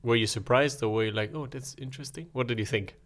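A man from Germany, a native German speaker, chatting in English in a relaxed, curious way with many follow-up questions. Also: mid-range voice, fast talker. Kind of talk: casual chat.

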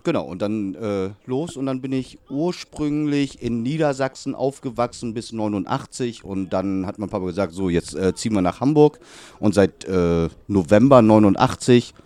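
A man's voice: fairly low pitch, moderate pace. A man from Vietnam, a youth football coach, chatting casually in an interview and often affirming with short fillers. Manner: relaxed, chatty, many fillers like "genau".

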